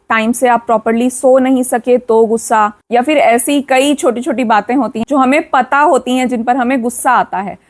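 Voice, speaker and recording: A woman hosting a parenting advice channel, talking earnestly to camera, repeating key points and mixing in English words. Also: high voice. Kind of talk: direct-to-camera advice talk.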